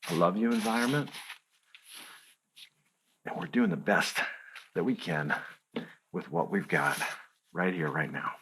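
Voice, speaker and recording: A man's voice: a bass voice, unhurried, pauses often, pushed and bright, breathy edge. A man hosting a hands-on crafts tutorial, chatting playfully to the viewer as he works. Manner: playful, chatty, talks to the viewer while working.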